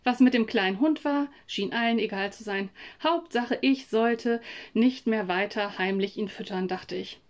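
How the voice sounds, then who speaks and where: A woman narrating a children's story in a calm, even read-aloud manner. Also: fairly high pitch, normal speed. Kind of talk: storybook reading.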